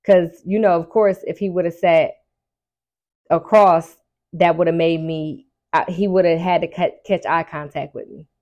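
A woman's voice: lowish voice, fairly even intonation, moderate pace, a little mellow, dull audio. A woman telling a personal story in casual, colloquial chat, animatedly acting out dialogue and stretching key words for emphasis. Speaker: storyteller addressing her audience.

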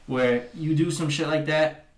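A man's voice: fairly high pitch, fairly even intonation, a little slow. A young man chatting casually as a podcast panelist, talking in sweary frat-bro slang. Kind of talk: casual chat. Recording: roomy echo.

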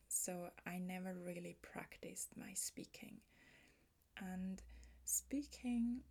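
A native Swiss German speaker from Switzerland, this woman hosts a podcast as a casual solo talk, speaking with a Swiss German accent. Her voice is on the low side, gravelly and husky, and she talks softly, often half-whispering. She sounds thoughtful and makes small restarts.

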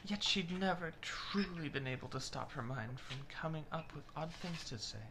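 Someone reading a romance novel aloud at a steady pace, with the occasional remark about the text. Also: medium pitch, moderate pace, noisy background.

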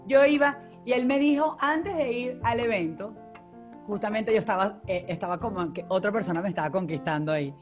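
A woman's voice: mid-range voice, fairly quick, soft background music. A woman from Venezuela telling a personal story in casual conversation, acting out the lines of the people in it. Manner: animated, acts out quoted dialogue.

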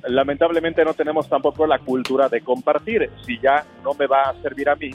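A man's voice: mid-range voice, steady tone, a little fast, soft background music. Man, co-host, easygoing and wry, mid-range voice. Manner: easygoing, agreeable, wry asides.

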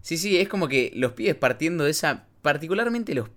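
An Argentine man with a Rioplatense accent riffs on a casual podcast, his voice a bit high for a man. He talks loose and slangy, swears offhandedly, and likes to explain things through math comparisons. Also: very animated, brisk, a bit bright. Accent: Argentine Rioplatense Spanish. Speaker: podcast co-host.

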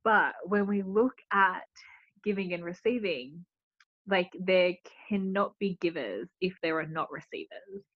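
A woman's voice: lowish voice, animated, a little slow, dry recording. A woman guest in a casual interview, explaining her ideas thoughtfully with many "like" fillers. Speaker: podcast guest. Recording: dull lo-fi audio.

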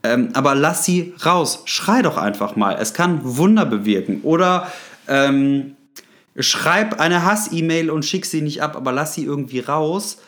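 A man hosting a solo podcast, speaking directly to the listener with advice, often pausing with fillers and restarting his sentences. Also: fairly high pitch, lively intonation, fairly bright tone. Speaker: podcast host.

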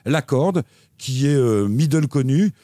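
Animated French-speaking male co-host. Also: takes it slowly, no room sound, clean studio sound. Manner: animated, lively pitch swings, frequent restarts. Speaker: co-host recommending TV shows. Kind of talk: casual chat.

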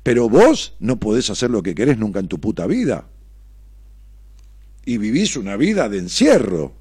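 A man's voice: lowish voice, big pitch swings, moderate pace, darkish tone, breathy edge, dry recording, clean studio sound. A middle-aged man with a Rioplatense Argentine accent, hosting a radio call-in talk show, reading listener messages and answering them sarcastically and provocatively, swearing freely. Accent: Rioplatense Argentine Spanish. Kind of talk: blunt on-air commentary reading messages.

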